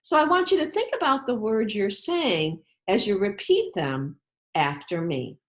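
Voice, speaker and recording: A woman author reads aloud and speaks directly to children, encouraging and instructive, with deliberate, emphatic phrasing. Her voice is medium in pitch with lively intonation.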